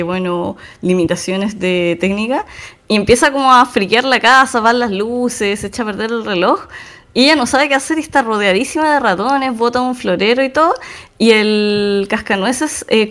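Chilean woman retelling a film. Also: a little high. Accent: Chilean Spanish. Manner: animated retelling, slangy, quick asides. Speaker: podcast co-host. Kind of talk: casual chat.

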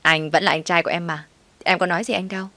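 A sharp-tongued younger sister in a spoken story, blunt and sarcastic, read by a woman. Her voice sits low and sounds close and dry. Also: fairly even intonation, fast, no echo.

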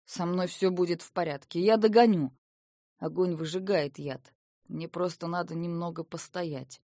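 A woman's voice: lowish voice, fairly even intonation, moderate pace, mellow, dry recording, studio quality, lightly acted. A woman voicing a wounded young man who gives terse, dismissive commands in an audiobook. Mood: curt.

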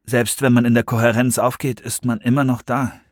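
A man's voice: mid-range voice, little pitch movement, a little fast, no room sound, studio quality, close to an everyday voice. A man reading an audiobook, voicing a troubled teenage boy who halts and searches for words. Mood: searching.

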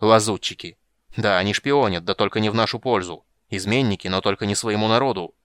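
Gruff giant warrior voiced by a man, shouted orders, audiobook, low, dry. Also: a little fast, dry recording, natural voice. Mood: angry. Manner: barking orders, bellowing. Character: huge gruff male warrior, commanding and fierce. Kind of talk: audiobook character voice.

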